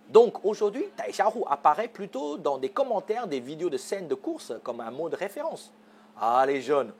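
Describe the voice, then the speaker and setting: A man's voice: on the high side, darkish tone, slightly rough. A man presenting a magazine show segment, explaining words in a playful, teasing way and asking the viewers questions.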